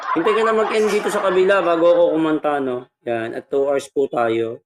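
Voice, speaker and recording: A high-pitched man chats casually on a livestream and keeps teasing and joking with his viewers between songs. Loud noise hangs under his voice the whole time. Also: fairly even intonation, brisk. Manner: teasing, laughing, calls listeners "brad". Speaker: livestream host and singer.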